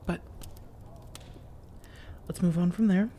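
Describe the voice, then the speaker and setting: Calm and persuasive, a lowish-voiced woman roleplays a refined, ancient female vampire for ASMR, speaking softly, breathily and frequently in whispers. She coaxes with formal, deliberate, measured wording, against a background of noise.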